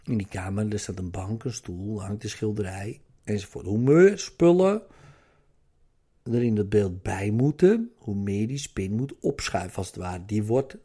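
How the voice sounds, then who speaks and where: A man talking through a motivational talk as a trainer, explaining in a relaxed conversational way with many fillers and rhetorical questions. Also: fairly low pitch, measured pace, husky. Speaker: trainer or coach. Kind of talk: motivational monologue.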